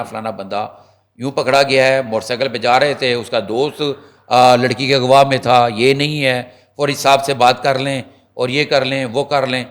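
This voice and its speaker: A male reporter on a TV talk show, telling stories in an animated way and addressing viewers directly. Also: mid-range voice.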